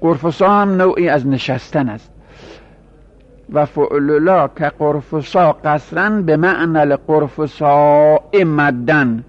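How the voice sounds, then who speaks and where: A man teaching a grammar class, reading lines slowly, then explaining quickly and quizzing his students. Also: fairly high pitch. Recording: dull lo-fi recording.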